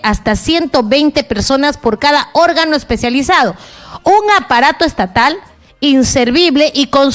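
A middle-aged woman journalist with a high voice delivers impassioned political commentary. Indignant and emphatic, she talks straight to the listener.

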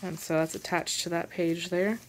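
Woman, lowish voice, casual craft show-and-tell, unhurried with pauses, faint background ambience. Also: steady tone, a little hiss or hum. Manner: unhurried, pausing while handling pages. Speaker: journal maker and shop seller.

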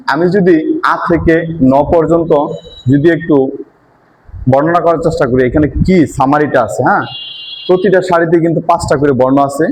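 A man, pitched a little high, walks through a lesson at an unhurried pace. He repeats each point and asks his own questions before answering them. His tone is that of a patient teacher. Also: low-quality recording. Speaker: Japanese language teacher. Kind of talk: step-by-step lesson explanation.

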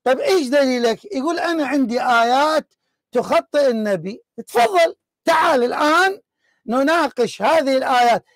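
A man's voice: very high-pitched, no room sound. A man hosting a heated live religious debate, pressing and repeating his challenges. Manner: forceful, insistent, repeats challenges. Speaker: debate show host.

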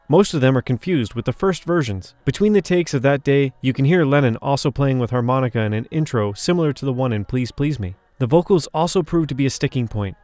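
A man's voice: mid-range voice, a little mellow, dry recording. A man reading a scripted documentary narration, shifting his emphasis from phrase to phrase.

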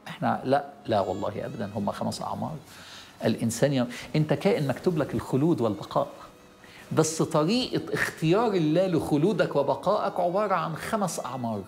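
A man's voice: on the high side, animated, fast, gravelly, a little mellow. A middle-aged man with an Egyptian Arabic accent, preaching a sermon in an emphatic way, repeating key phrases and speaking straight to the listener.

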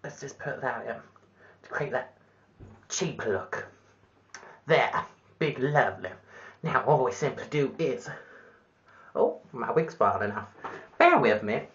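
A man's voice: mid-range voice, big pitch swings, takes it slowly, long pauses, fairly bright tone, lo-fi sound. A man presenting a comic spoof makeup tutorial in a chirpy, mock-instructional patter.

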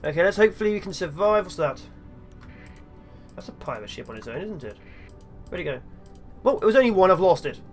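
A man's voice: sits high, very animated, fairly quick, long pauses, faint music behind. A young man hosting a game let's play, chatting and joking to himself as he plays. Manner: chatty, jokey, talks to himself while playing. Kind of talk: gameplay commentary.

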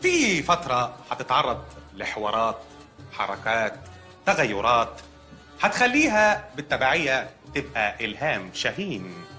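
A deadpan Egyptian doctor. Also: male voice, mid-range voice, normal speed, soft background music. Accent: Egyptian Arabic. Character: calm hospital doctor delivering odd news. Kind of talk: film comedy acting.

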